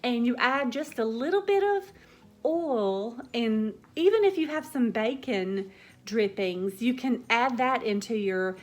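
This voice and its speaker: A woman with a Southern US drawl, chatting gently to her viewers as the host of a home cooking channel. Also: on the high side, expressive. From Southern United States. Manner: gentle, slow, warm storytelling drawl. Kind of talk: casual chat to viewers.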